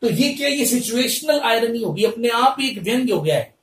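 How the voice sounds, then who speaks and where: High-voiced male teacher in an echoey room. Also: expressive, brisk, fairly bright tone. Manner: chatty storytelling with comic examples, frequent "theek hai na". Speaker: vocabulary teacher. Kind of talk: exam-prep lesson explaining word meanings. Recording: echoey room, mic set far away.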